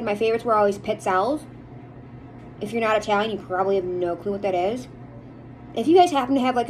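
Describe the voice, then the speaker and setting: In this low-quality recording with slight background noise, a woman from the United States talks to her audience in rambling, chatty vlog style, making her likes and dislikes very clear. Her pitch sits fairly high and her voice is a little mellow.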